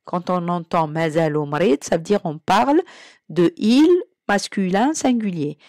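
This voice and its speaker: A woman's voice: lowish voice, expressive, a little mellow, dry recording. Patient female language teacher, dry sound. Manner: patient, repeats each example slowly. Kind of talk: explanatory language lesson.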